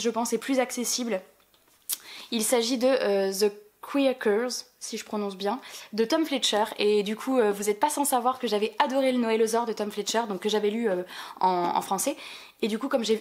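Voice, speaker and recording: French woman, book vlogger, casual chatty haul, lots of fillers, mid pitch. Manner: chatty, many fillers and restarts.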